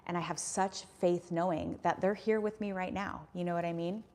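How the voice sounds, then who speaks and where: A woman's voice: fairly low pitch, fairly even intonation, normal speed, a little mellow. A woman in her thirties hosting a casual livestream, reading viewer comments and talking in an earnest, rambling way with lots of fillers. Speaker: YouTube livestream host.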